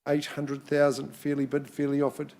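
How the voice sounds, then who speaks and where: Higher-voiced man calling a live property auction. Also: completely flat delivery, moderate pace, a little mellow, a little hiss or hum. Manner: chatty patter between clipped, repeated number calls. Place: in-room auction.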